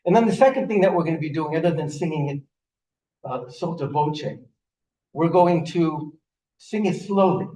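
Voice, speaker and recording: Middle-aged man, service leader, gentle explainer, somewhat high voice, roomy hall sound. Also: normal speed, slight background noise. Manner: gentle, explanatory, with frequent fillers. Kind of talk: explaining and leading a prayer service. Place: synagogue sanctuary. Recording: roomy, distant, slightly dull sound.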